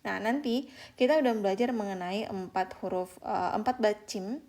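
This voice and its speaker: Patient young woman teaching, gravelly voice. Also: mid-range voice, a little mellow. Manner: patient, repeats example words slowly and often addresses viewers as friends. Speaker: Korean language teacher. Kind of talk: online beginner lesson.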